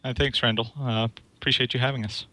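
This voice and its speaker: A man's voice: medium pitch, fairly even intonation, quick pace, bright, forceful tone, no room sound, poor audio. A man guest on a podcast speaking from an office conference room, hesitant and using fillers. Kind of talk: casual interview.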